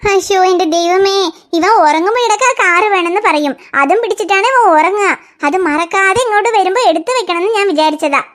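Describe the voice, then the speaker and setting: A woman's voice: very high-pitched, quick pace, fairly bright tone. A woman voicing a young cartoon mother who coaxes and soothes her crying toddler in a fretful, sing-song way. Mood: coaxing. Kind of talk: cartoon dialogue.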